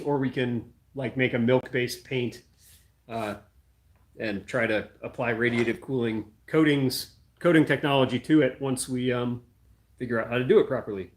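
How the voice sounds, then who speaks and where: A young man with a mid-pitched voice chats loosely and off the cuff while tinkering at a bench in his home workshop. He's hosting a casual livestream, rambling and thinking aloud with plenty of fillers as he works with his hands.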